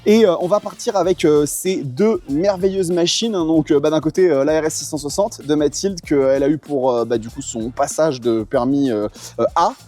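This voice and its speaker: A man's voice: a little high, normal speed, a little mellow. A young man hosting a casual motorcycle travel vlog, chatty and full of fillers. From Portugal. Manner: chatty, lots of fillers and thanks to sponsors. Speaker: motorcycle vlogger.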